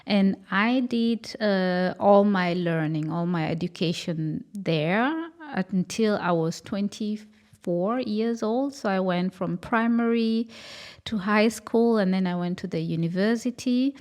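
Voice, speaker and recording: A woman's voice: mid-range voice, slow pace, darkish tone. A woman from Kenya, a lecturer in her thirties, talking thoughtfully in an interview, with frequent fillers and restarts. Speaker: guest, cultural studies lecturer. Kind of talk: conversational interview.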